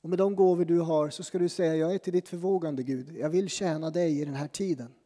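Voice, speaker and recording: A man preaching as a pastor, his voice a little higher than usual for a man but dark and mellow in tone. He talks in a conversational, self-deprecating way, with dramatic pauses. A long reverb from a church hall trails after his words. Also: fairly even intonation. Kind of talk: sermon.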